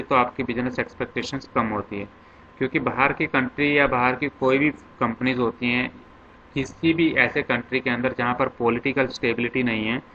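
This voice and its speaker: A man's voice: medium pitch, pushed and bright. A man teaching commerce, walking through concepts in a lecture with lists and examples. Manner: explains step by step with many examples and lists. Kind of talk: classroom lecture. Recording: slightly dull lo-fi with faint noise.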